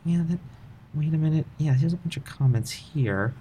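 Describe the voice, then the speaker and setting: A woman's voice: low-pitched, moderate pace, warm tone. Female host, casual chat, eager and rambling, faint hiss behind. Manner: enthusiastic, persistent, rambling.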